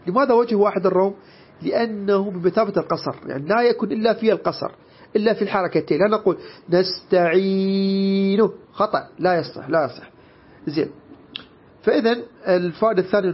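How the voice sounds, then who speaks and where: A man teaching Quran recitation rules, slowly drawing out each example word and then correcting it, with many pauses to hesitate. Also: sits high, breathy edge, dull audio. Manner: many hesitation sounds between points. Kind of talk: tajwid lesson with recited examples.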